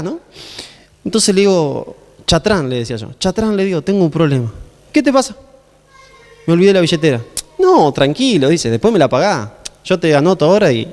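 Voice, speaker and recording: A man's voice: sits high, big-room sound. A man with an Argentine Spanish accent preaching a sermon, telling stories with humorous asides and tag questions. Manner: lively storytelling, humorous asides, frequent "¿no?". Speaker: pastor.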